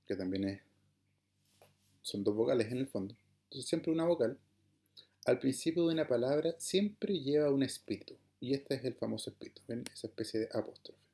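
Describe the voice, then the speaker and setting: A man's voice: medium pitch, mellow. A man teaching an online class, explaining patiently and often checking whether his students follow. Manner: patient, explanatory, checks understanding with "¿verdad?" and "¿bien?". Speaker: Greek teacher.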